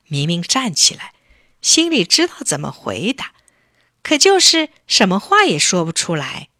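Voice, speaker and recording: A woman narrating a children's story with an expressive, animated reading. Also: lowish voice, unhurried, no echo, studio quality.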